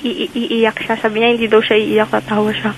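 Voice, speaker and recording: Young woman caller rambling on the radio, kinda high voice, faint hiss. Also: monotone, a little fast. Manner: rambling storytelling with many fillers. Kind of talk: call-in radio chat.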